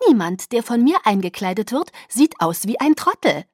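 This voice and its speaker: A high, lively young woman, confident and bossy about fashion, as a woman voices her in an audiobook. Her lines come loud and firm in a dry, close recording. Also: moderate pace, no echo.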